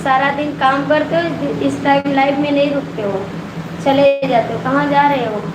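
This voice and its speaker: A woman's voice: sits high, steady tone, moderate pace. Teasing Awadhi woman hosting a live stream. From Awadh region, India. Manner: teasing, coaxing viewers to comment. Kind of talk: casual chat with live viewers. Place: room with a running air cooler. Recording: echoey room, loud cooler noise.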